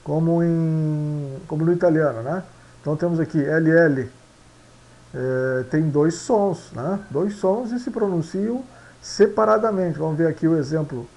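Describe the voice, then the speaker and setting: A man explaining Latin pronunciation slowly and repetitively, mixing in Spanish phrases and often asking "né?". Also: on the high side, a little mellow, rough recording. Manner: slow, repetitive, tag questions after each point; mixes Spanish phrases into Portuguese. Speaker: language teacher.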